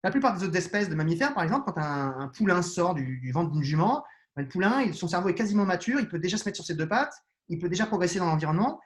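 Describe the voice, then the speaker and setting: Quick and expressive, this man's high voice carries his answers as a neuroscience interview guest. He's an adult with children who explains things patiently, frequently hesitating and starting over.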